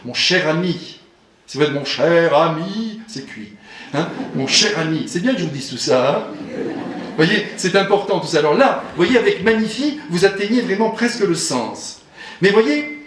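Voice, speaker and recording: A man preaching a sermon as a priest, animated and theatrical, moving between booming emphasis and hushed asides and questioning his listeners directly. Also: echoey room. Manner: addresses audience directly, asks them questions.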